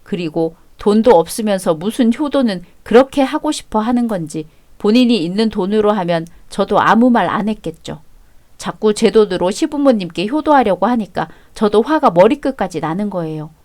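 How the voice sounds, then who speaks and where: A woman narrating a radio drama and playing the wife, sharp and resentful when arguing and calmer when confiding. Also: mid-range voice, moderate pace.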